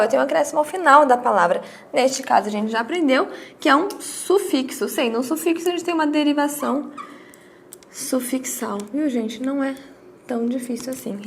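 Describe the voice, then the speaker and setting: A woman's voice: high voice, creaky, fairly bright tone. A woman teaching a grammar lesson, explaining step by step with rhetorical questions and acting out her students' questions.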